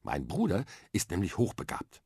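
A man's voice: low voice, wildly swooping pitch, moderate pace, gravelly, a little mellow, husky, dry recording, clean studio sound, exaggerated voice. A man voicing a bold, impatient and chatty young girl in a children's radio story, cheeky and self-assured.

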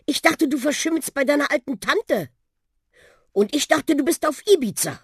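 A reader voicing a young boy in a children's audiobook, excitable and wide-eyed. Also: medium pitch, brisk, dry recording, studio quality, natural voice. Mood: astonished. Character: young boy, startled then sad. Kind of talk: audiobook role voice.

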